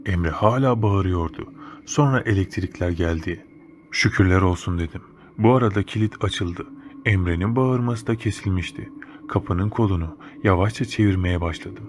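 A man's voice: low voice, normal speed, darkish tone. A man narrating a first-person horror story in a casual, slangy, matter-of-fact way. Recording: noticeable background noise.

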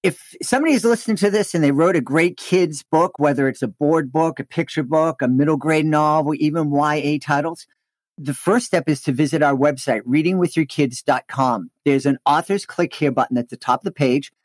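On a podcast, an American man appears as a guest and tells anecdotes conversationally, acting out the quotes as he goes. His voice sits on the high side and moves briskly, recorded dry.

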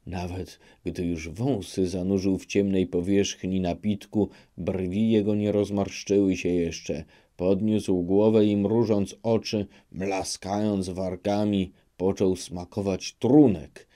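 A man narrating a classic novel as an audiobook in a measured, dramatic reading. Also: low-pitched, little pitch movement, mellow.

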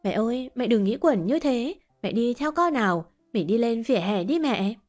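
Woman doing a kind young woman, calm, reassuring, faint music. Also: fairly high pitch, moderate pace. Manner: gentle, reassuring.

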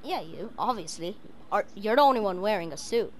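This woman player, role-playing in a game voice chat, talks bluntly and teases, her mid-range voice fairly quick with lively intonation. Audio comes through a noisy home headset.

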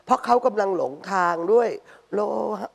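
A woman's voice: medium pitch, moderate pace, gravelly. A woman co-host respectfully reading listener questions on a live dharma talk show. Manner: respectful, reads questions, affirming. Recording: long hall reverb.

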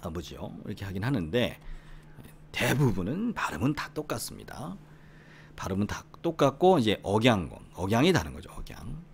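This is a middle-aged Korean man from the Gyeongsang region, explaining English study at a relaxed teaching pace. His pitch rises and falls in lively swings. He keeps asking the listener to agree, repeats words for emphasis and now and then drops into a near whisper. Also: moderate pace, creaky, husky. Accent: Korean with Gyeongsang roots. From Gyeongsang region, South Korea. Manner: conversational, often seeking agreement with the listener. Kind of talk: explanatory lecture.

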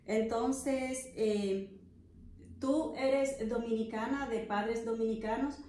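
A woman's voice: a little high, steady tone, takes it slowly, warm tone, echoey room. A middle-aged woman hosting a podcast interview, asking questions with many fillers. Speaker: podcast host. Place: living room on a sofa, indoors.

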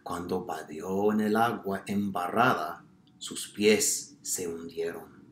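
Slow expressive male storybook reader. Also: low voice. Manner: expressive storytelling, drops to whispers and asks questions. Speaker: teacher. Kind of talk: reading a picture book aloud to children. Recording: roomy echo.

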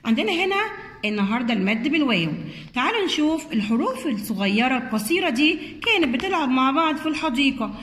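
A woman with an Egyptian Arabic accent, teaching kindergarten children and sounding out syllables in a coaxing, drawn-out sing-song. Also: sits high, sing-song, fairly bright tone, a little hiss or hum. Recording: echoey room.

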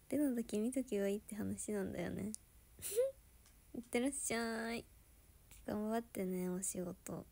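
Giggly woman streamer with a lively voice. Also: a little high, takes it slowly, gravelly, long pauses. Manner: giggly, laughs often, drops into soft murmurs. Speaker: idol livestreamer chatting with viewers. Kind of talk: casual livestream chat.

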